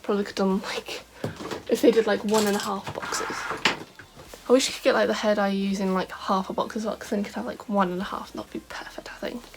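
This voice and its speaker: A young beauty vlogger chats casually to the camera, rambling and dropping "like" fillers constantly, her voice scratchy today. It's mid-range with vocal fry and little pitch movement, and she talks fast.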